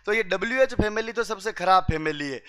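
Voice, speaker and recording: A man's voice: high-pitched, expressive, fairly quick, fairly bright tone, smooth. A man telling comic stories to a class, quizzing the listeners and repeating each punchline. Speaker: teacher telling jokes to students.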